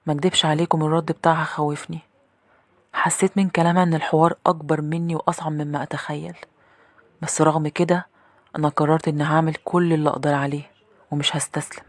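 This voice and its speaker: A woman with an Egyptian accent narrating a horror story in the first person, brisk and hushed at tense moments. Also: sits low, little pitch movement, no echo.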